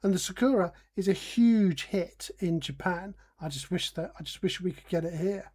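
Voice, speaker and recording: Hesitant, mid-pitched podcast voice. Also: moderate pace, darkish tone, husky. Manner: hesitant, stammering. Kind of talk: casual podcast chat.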